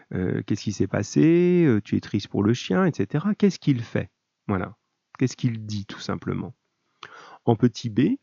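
A man with a dark, relaxed voice gives a school lesson as a teacher. He sets out questions and instructions step by step, in a didactic way. The recording is muffled and echoes around the room. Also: medium pitch. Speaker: middle school French literature teacher. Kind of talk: lesson, explaining study questions to pupils.

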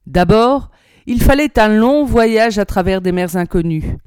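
A woman reading an old storybook aloud in a measured, expressive way. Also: medium pitch, clear, resonant tone, no echo, studio quality. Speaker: narrator, reader.

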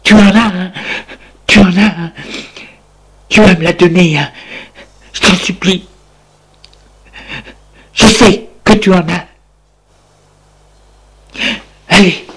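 A man voicing a desperate young wife craving her drug, pleading in a raised, shrill voice. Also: steady tone, slow, long pauses, a bit bright, breathy edge, full character voice. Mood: frantic.

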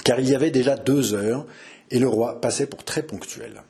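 Male audiobook narrator, measured expressive storytelling, mid-range voice. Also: mid-range voice, breathy edge.

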